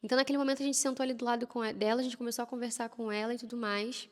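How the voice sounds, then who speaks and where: A guest shares a personal testimony as casual conversational storytelling, a woman talking fast in a fairly high voice. She retells it animatedly and lively, with quoted prayers and laughs. The room is reverberant.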